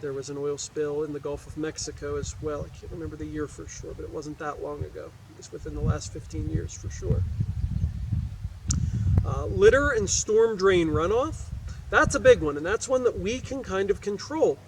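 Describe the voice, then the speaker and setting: Amid a noisy background, an American man with a fairly high voice reads aloud at normal speed in the role of a teacher. It's an educational read-aloud in which he explains things along the way, poses questions, and makes sure his listeners understand.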